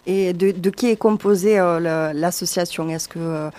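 A woman hosting a radio interview, asking friendly, somewhat halting questions. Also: on the low side, mellow. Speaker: radio host.

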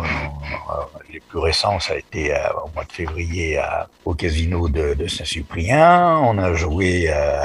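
A man in his eighties from the Paris suburbs, a guest on a radio interview, talking in a folksy, halting, wry way. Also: rumbling low, slight background noise. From Paris suburbs, France. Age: 80s. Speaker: association president, guest.

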